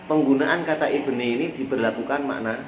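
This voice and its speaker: Speaking a little fast at medium pitch, a man with a Javanese accent teaches a religious lesson from a classical Islamic text. Everyday examples carry his explanations, and his listeners are drawn into finishing his sentences. The room echoes, and faint noise sits in the background.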